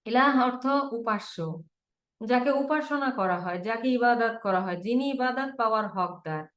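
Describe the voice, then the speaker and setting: A woman with a fairly high voice teaches an online Quranic Arabic lesson. She drills short words over and over and slows down to recite the Arabic. The sound is roomy and echoey. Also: fairly bright tone.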